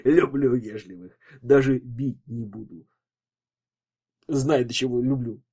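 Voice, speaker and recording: Man playing swaggering street thug, sneering, brash, husky, storybook audiobook. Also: mid-range voice, fairly even intonation, slow pace, mellow. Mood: cocky. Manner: cocky, sneering.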